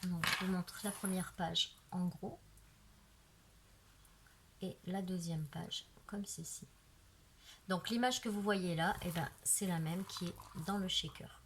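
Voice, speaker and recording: A craft video maker casually shows off a handmade album, chatting as she turns each page and sprinkling her talk with "voilà" and "euh", filmed by a camera on a tripod. Her voice is lowish and steady, and she takes it slowly with frequent pauses over slight background noise.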